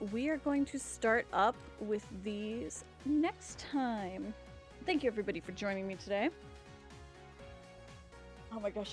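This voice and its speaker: A woman game streamer wrapping up her stream, bubbly, enthusiastic and rambling at a desk mic. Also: fairly high pitch. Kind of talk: casual stream wrap-up chat.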